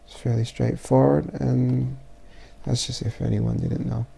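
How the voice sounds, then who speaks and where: A man with a stuffy, congested voice narrating a casual photo-editing tutorial as he works, halting and thinking aloud. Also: medium pitch, flat delivery, creaky, warm tone, slightly rough. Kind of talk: casual software tutorial voice-over.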